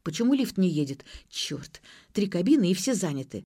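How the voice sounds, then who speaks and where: A woman reading an audiobook, voicing a brash, stubborn young female student who talks high and indignant. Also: very animated, dark tone, husky, no room sound, studio quality. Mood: excited. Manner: high-pitched, quick and indignant.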